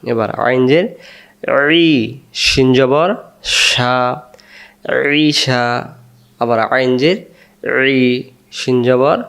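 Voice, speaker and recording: A patient male reading teacher spells out letters and syllables one by one, stretching each vowel long. His voice is smooth and clear, and he talks slowly and steadily, like a classroom drill. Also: medium pitch, a bit bright. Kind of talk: slow spelling-out lesson with drawn-out sounds.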